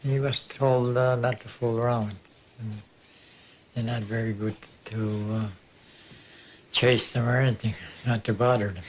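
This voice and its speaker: A man's voice: medium pitch, fairly even intonation, a little hiss or hum. Plain-spoken man telling of a sighting. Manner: plain-spoken, nonstandard grammar, short halting phrases. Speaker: interviewee recounting a sighting. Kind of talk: casual spoken recollection.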